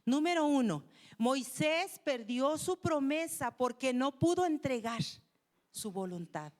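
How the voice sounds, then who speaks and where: Woman preacher, high voice, conversational sermon, talks with the congregation. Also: expressive, unhurried, darkish tone. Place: church.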